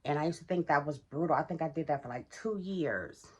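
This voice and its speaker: A woman's voice: low-pitched, brisk, husky. A middle-aged woman vlogging casually while getting ready, chatty and talking to viewers as y'all, in a groggy morning voice. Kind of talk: casual get-ready-with-me vlog.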